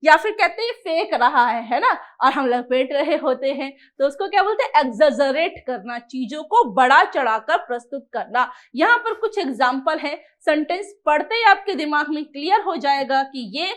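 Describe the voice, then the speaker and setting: A young woman teaching an English exam lesson in a lively coaching style, asking questions and answering them herself. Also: high-pitched, moderate pace, hardly any pauses.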